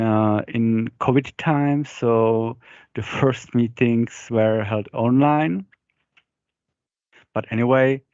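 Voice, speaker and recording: A man's voice: medium pitch, darkish tone, no room sound. A young man with a Czech accent, a native Czech speaker, gives an informal slide presentation in hesitant, repetitive English. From Czech Republic. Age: young adult. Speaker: presenter for a young engineers' group. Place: online video meeting. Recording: dull, muffled online call audio.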